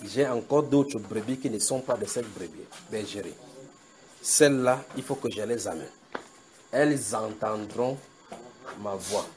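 A man preaching a sermon at a house church, slowly repeating scripture and checking in with the congregation. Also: on the low side, a little mellow, slight background noise. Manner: emphatic, repeats scripture slowly with call-and-response tags to the congregation. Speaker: pastor.

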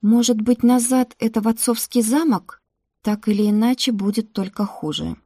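A woman reading an audiobook, voicing a stubborn young princess who asks sharp, insistent questions. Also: a little high, moderate pace, slightly rough, no room sound, clean studio sound. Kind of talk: audiobook character voice.

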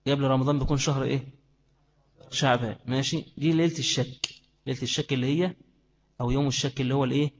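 A man's voice: medium pitch, fairly even intonation, racing, pauses often, in a large hall, slight background noise. A man with an Egyptian accent giving a religious lesson, who asks his listeners questions and answers them himself. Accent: Egyptian Arabic. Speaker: Islamic teacher.

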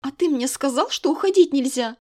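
A woman voicing a defiant, sharp-tongued young heroine who speaks in a heated, indignant way in an audiobook. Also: a little high, moderate pace, pitched above the performer's own voice, lightly acted. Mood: furious.

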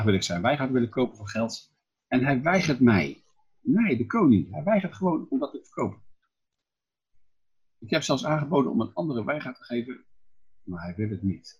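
A man voicing a sulking, indignant king who complains that he was refused, in a husky voice. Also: mid-range voice, expressive, moderate pace, pauses often, highs cut off. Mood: aggrieved. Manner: whiny, aggrieved.

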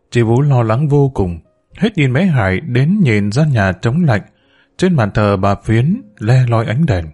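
Man reading a serialized story, calm. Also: mid-range voice, husky. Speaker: storyteller, channel host.

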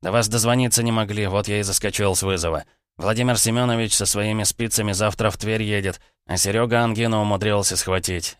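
Sasha: a man reading a brisk village paramedic. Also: on the low side, clear, resonant tone, no echo, clean studio sound, close to an everyday voice. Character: young male village paramedic, brisk and friendly.

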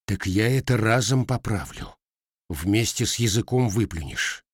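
A man reading a young man who issues low, hissing threats. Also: a little slow, breathy edge, dry recording, studio quality. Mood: menacing.

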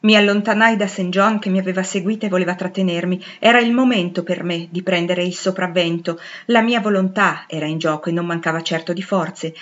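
A woman narrating a literary audiobook in an expressive, dramatic reading. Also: on the low side, highs cut off. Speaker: audiobook reader.

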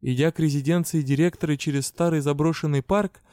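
Clear-voiced male audiobook narrator. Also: on the high side, steady tone, brisk, mellow, dry recording, studio quality. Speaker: audiobook reader. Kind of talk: first-person fantasy audiobook narration.

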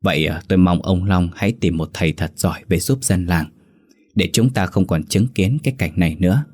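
A man's voice: sits low, a little fast, darkish tone, husky. A man voicing a grieving village mother speaking formally at a meeting. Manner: formal and pleading.

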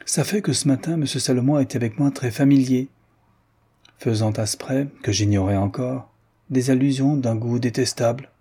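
A man's voice: mid-range voice, normal speed, dark tone, slightly rough. A man reading the part of a proud young aristocratic Parisian wife who answers in reserved, clipped replies. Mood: earnest.

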